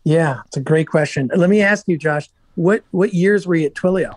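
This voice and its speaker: A middle-aged man in a relaxed interview, chatty and upbeat as he tells stories, often restarting his sentences. His voice sits a little high for a man, and the sound is close and dry with no room echo. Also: normal speed. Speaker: guest, software entrepreneur. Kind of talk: casual interview storytelling.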